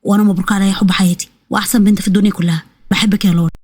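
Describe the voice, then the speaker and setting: A woman's voice: medium pitch, fairly even intonation, very fast, darkish tone, breathy edge, pitched below the performer's own voice, natural voice. A woman voicing a playful, lovestruck young groom with an Egyptian accent. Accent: Egyptian Arabic.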